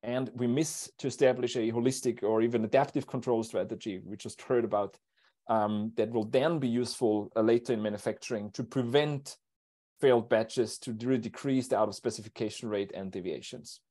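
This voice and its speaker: A man presenting a technical talk at an online seminar in a steady, explanatory way, over a video call. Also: medium pitch, brisk. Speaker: invited speaker.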